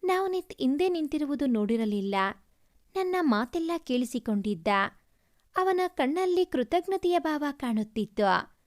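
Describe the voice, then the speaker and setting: A woman telling a first-person story aloud, expressive, voicing each character's lines. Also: high-pitched, measured pace. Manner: expressive, voices the dialogue.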